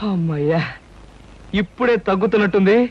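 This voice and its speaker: An actor playing a cunning male freeloader who cracks cheeky deadpan jokes and groans theatrically. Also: high-pitched, a little fast, husky. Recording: dull lo-fi film audio with music.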